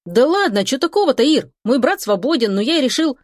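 A woman's voice: high voice, very animated, a little fast, no echo, clean studio sound, pitched above the performer's own voice. A woman voicing a clever, teasing young man, the narrator's younger cousin, in an audiobook. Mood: breezy. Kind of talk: audiobook character voice.

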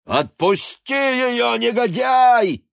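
A man's voice: low voice, lively intonation, slow, dry recording, studio quality, full character voice. A man doing a proud, mournful ginger cat. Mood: defiant shouting. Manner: mournful and solemn, bursting into shouts. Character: proud, gloomy male ginger house cat.

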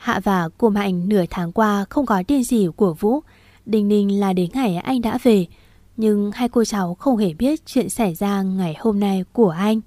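Woman narrating an audiobook, warm dark tone, steady pace, dry no-echo sound. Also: medium pitch, normal speed.

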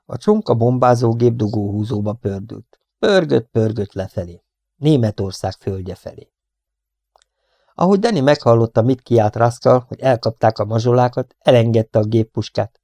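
A man reading a war novel aloud as an audiobook, with dramatic delivery that jumps up sharply in pitch and volume for shouted lines. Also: vocal fry, dry recording. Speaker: audiobook reader.

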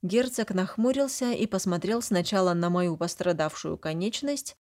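A woman's voice: lowish voice, moderate pace, a little mellow. A woman narrating a first-person fantasy audiobook, flustered and emotional in the heroine's lines.

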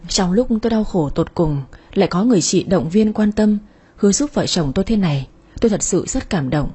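A woman narrating a sad first-person story in a soft storytelling manner. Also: mid-range voice, expressive, fairly quick, husky.

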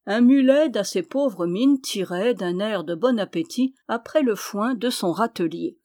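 A woman reads a folk tale aloud as storyteller, with a measured, expressive delivery. Her voice sits at a middling pitch for a woman.

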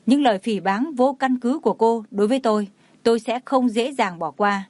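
A woman's voice: on the high side, a little fast, darkish tone, no room sound, natural voice. A woman reading the lines of a cold, proud young wife who speaks in a detached way.

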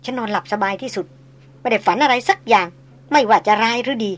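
A seasoned head hunter of the jungle, calm and unshaken, voiced by a woman reader. He speaks softly and evenly, keeping his words level. It is a storybook audiobook reading. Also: fairly high pitch, fast, close to an everyday voice. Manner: quiet and level.

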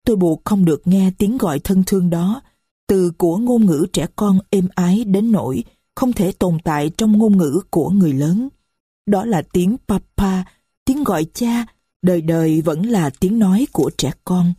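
Low, husky woman narrating somberly. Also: animated, moderate pace, mellow, no echo, studio quality. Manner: somber, grieving, reflective. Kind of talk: first-person audiobook narration.

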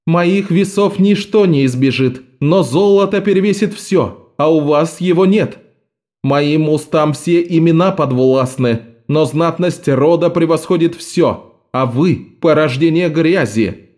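A man voicing a haughty, contemptuous woman judge in a red robe, with a much higher, proclaiming voice. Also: a little slow, a little mellow, natural voice.

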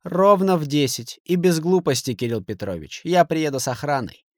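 A hot-tempered middle-aged businessman who barks and shouts, his voice pushed well above the reader's own, as a male narrator puts him on. It is heard in a dry, close audiobook recording with no room echo. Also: a little high, animated, normal speed, pitched above the performer's own voice, close to an everyday voice. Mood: commanding. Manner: raised, shouting, forceful.

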